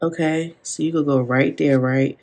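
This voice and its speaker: A woman chatting casually while decorating her planner, excitable and gushing, with rambling asides. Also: low voice, normal speed. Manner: excitable, gasping and gushing over stickers. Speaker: planner vlogger. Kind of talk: casual plan-with-me chat. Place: seated at a desk at home.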